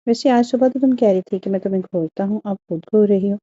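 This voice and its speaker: A woman's voice: mid-range voice, quick pace, warm tone, lo-fi sound, lightly acted. A woman voicing a good-humoured young husband who teases his wife with dry humour. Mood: teasing.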